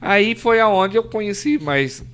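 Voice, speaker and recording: A man's voice: sits high, expressive, slow pace, fairly bright tone, clean tone. Earnest Brazilian man giving testimony. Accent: Brazilian Portuguese, São Paulo interior. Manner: earnest storytelling, frequent "né?", acts out quoted voices. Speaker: podcast guest. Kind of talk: emotional testimony in casual chat.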